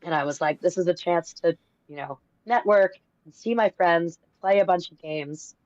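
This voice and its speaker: A woman's voice: on the low side, moderate pace, a little mellow, no echo. A woman guest on a live stream, losing her voice, telling stories in a rambling way with many fillers. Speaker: guest from a game publisher. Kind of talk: casual storytelling chat. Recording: dry, dull lo-fi call audio.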